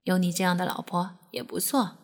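A woman's voice: fairly low pitch, brisk, creaky. A woman voicing a pleased, boastful adult male lover in a read-aloud intimate story. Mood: boastful tender.

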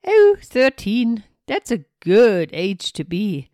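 A woman voicing a scatterbrained, cheerful, very old female witch in a storybook reading, with high, squealing exclamations. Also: huge pitch swings, slow, warm tone, no room sound, clean studio sound.

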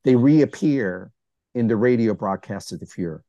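A man's voice: lowish voice, expressive, moderate pace, dark tone, no echo, muffled recording. A man co-hosting a philosophy podcast, talking casually and enthusiastically, eager to jump in. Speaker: podcast co-host.

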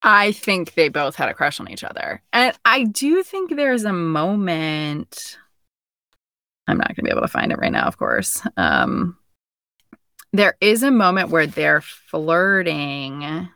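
A young woman co-hosting a casual book discussion, relaxed and thoughtful as she talks through a novel. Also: fairly low pitch, unhurried, vocal fry, no room sound, clean studio sound. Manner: relaxed, thoughtful, reads passages aloud. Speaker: podcast co-host.

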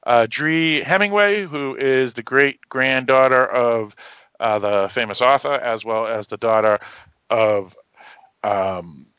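A man with a Boston accent talks in a dull, dry lo-fi recording. He hosts a film discussion in a halting, informal way, padding his sentences with lots of hesitant filler sounds. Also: mid-range voice, smooth, no room sound. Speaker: film podcast host. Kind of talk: informal film discussion, semi-prepared introduction. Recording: dull, lo-fi audio.

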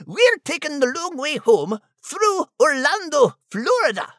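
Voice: high-pitched, big pitch swings, a little slow, a bit bright, no echo, clean studio sound, full character voice. A performer voicing a hearty male seagull with a thick put-on Scottish brogue. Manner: boisterous Scots talk.

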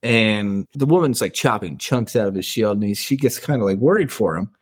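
A man's voice: fairly low pitch, expressive, a little fast, slightly rough. A man co-hosting a book podcast, casually retelling scenes, reading quotes aloud and laughing often.

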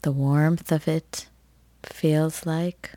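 Low, dark-voiced woman guiding a slow meditation. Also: flat delivery, dry recording. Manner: soft, gentle, soothing delivery with long pauses. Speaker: meditation guide.

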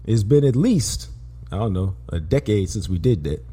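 A man with a drawl hosts a sports podcast, his voice warm and relaxed in tone. He talks in a loose, slangy way, hammering points home by repeating words. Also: lowish voice, normal speed, husky. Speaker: podcast host. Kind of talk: casual sports talk.

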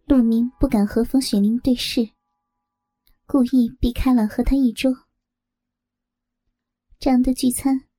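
Woman narrator, husky, gravelly, dark-toned, steady reading, faint music behind. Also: high voice, dry recording, poor audio. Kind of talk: adult audio story narration.

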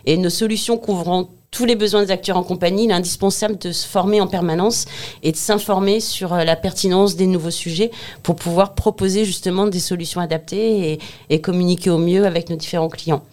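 A woman's voice: on the low side, fairly even intonation, fairly quick, a little mellow. A woman in her forties, a guest in a podcast interview, speaking fluently but with frequent filler hesitations. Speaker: guest, head of business development. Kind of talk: interview answers.

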